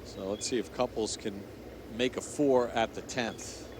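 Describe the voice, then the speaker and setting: Man, golf commentator, live play-by-play, mid-pitched voice, clear outdoor background noise. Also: fairly even intonation, a little slow.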